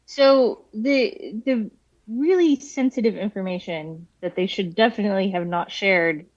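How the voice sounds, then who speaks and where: A woman's voice: medium pitch, unhurried, dry recording, muffled recording. A woman guest on a podcast, speaking hesitantly with many fillers. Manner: hesitant, with frequent ums and laughs. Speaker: guest cybersecurity commentator. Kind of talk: casual podcast chat.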